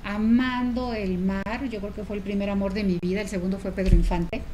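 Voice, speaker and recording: A middle-aged Mexican author from Veracruz chats about her writing as a guest in a conversational interview, set in a small indoor TV studio. Her mid-range voice is fairly even in intonation and fairly quick. She's on a lapel mic, and there's background noise.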